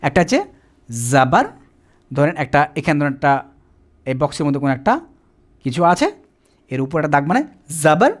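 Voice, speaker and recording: Teacher at a whiteboard, pitch jumps up and down a lot, keeps asking "right?". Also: big pitch swings, a little fast, long pauses. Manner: asks questions and answers them, repeats "ঠিক আছে?". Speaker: Quran reading teacher. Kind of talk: whiteboard lesson, explaining step by step.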